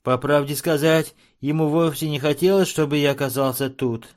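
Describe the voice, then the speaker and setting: A man voicing a whining little male dwarf gun trader who trembles with cold and talks in a shrill, bleating way, in an audiobook. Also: steady tone, normal speed, lightly acted. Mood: scheming, shivering. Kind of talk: audiobook character voice.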